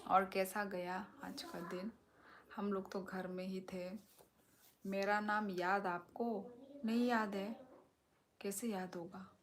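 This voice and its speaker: A young woman from Tripura chatting casually with viewers on her phone during a live stream, relaxed and sometimes dropping to a soft whisper. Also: mid-range voice, slow, pauses often.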